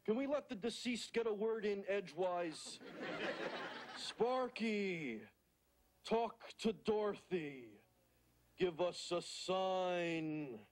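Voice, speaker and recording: Sarcastic nasal alien running a seance like a medium, sitcom style, slow and bossy, noisy audio. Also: male voice, high voice. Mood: commanding. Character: wisecracking furry alien playing a theatrical seance medium. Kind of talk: sitcom acting.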